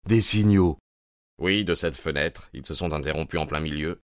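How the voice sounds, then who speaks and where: A man reading an audiobook, voicing a brilliant detective who talks in a measured way. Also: a bass voice, no room sound, clean studio sound. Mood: calm.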